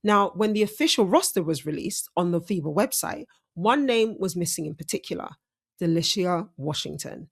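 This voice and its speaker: A woman's voice: mid-range voice, big pitch swings, a little fast, gravelly, hardly any pauses, slightly rough. A woman hosting a casual sports breakdown, chatty and self-correcting, her speech slightly impeded by braces. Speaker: host.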